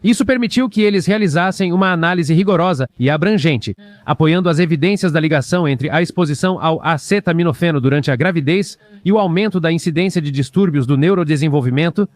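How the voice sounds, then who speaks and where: A man's voice: a little high, fast. A man commenting over news clips in a sarcastic, mocking way.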